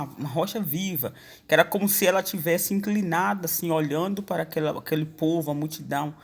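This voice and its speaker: A woman's voice: deep voice, vocal fry, a little mellow, breathy edge. A Brazilian woman preacher sharing a dream as a testimony, in an earnest storytelling manner with many fillers and restarts. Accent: Brazilian Portuguese. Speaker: evangelical preacher.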